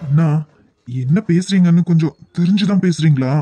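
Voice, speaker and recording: A man's voice: a little high, normal speed, mellow, soft background music, lightly acted. A man voicing a worried young colleague in a cartoon, coaxing and placating, with a Kanyakumari Tamil accent. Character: worried young male colleague trying to calm things.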